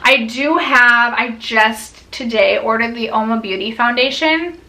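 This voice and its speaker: A young woman reviewing beauty products in a chatty, gushing way, her sentences full of "like". Her voice sits a little high and sounds bright and forceful. She talks the way a vlogger does to her regular viewers. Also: a little slow. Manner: chatty, gushing, filler-heavy.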